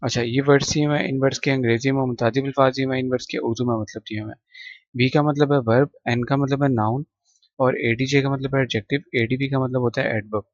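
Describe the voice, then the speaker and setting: A man's voice: mid-range voice, steady tone, no room sound, lo-fi sound. Patient male teacher, dry sound. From Pakistan. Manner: patient, repeats words slowly, lists synonyms one by one. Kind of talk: classroom explanation of a textbook poem.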